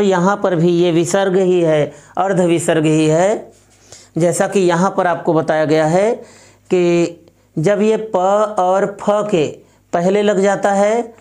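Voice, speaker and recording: A woman teaching a recorded Sanskrit lesson, reciting each rule several times in a slow, measured chant before explaining it. She asks the class questions and answers them herself. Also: fairly low pitch, mellow.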